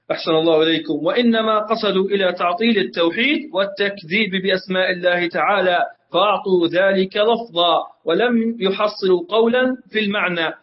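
Man in his own voice reading a text aloud, high-pitched and halting, over dull lo-fi stream audio. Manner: deliberate, with many hesitations. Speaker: student reading aloud and giving notes.

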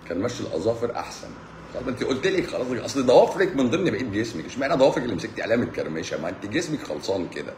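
Reverb and a bit of background noise surround this man's mid-range voice as he chats on a livestream. He has an Egyptian accent and jokes around with viewers, answering them, poking fun, and laughing frequently.

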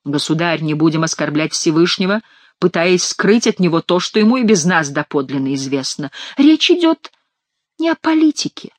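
A woman's voice: lowish voice, expressive, normal speed, no echo. Woman doing a sly jester, mocking, nasal mimicry, dry close sound.

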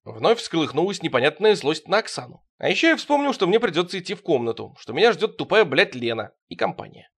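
A man narrating absurdist prose in a wry, deadpan storytelling manner. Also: fairly high pitch, fast, few pauses. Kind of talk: audiobook reading of absurdist prose.

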